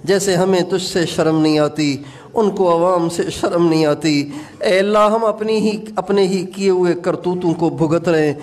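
High-pitched man pleading in prayer. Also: a little mellow. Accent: Pakistani Urdu. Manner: pleading, repetitive invocations. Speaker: Islamic preacher. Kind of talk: tearful supplication at end of sermon.

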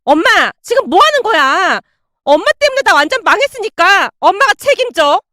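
A woman voicing a young woman who yells and wails at her mother. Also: extremely high pitch, very animated, normal speed, no echo, studio quality, voice pushed up, heavily acted. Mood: yelling. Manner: wailing, yelling. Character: young woman, furious sobbing daughter.

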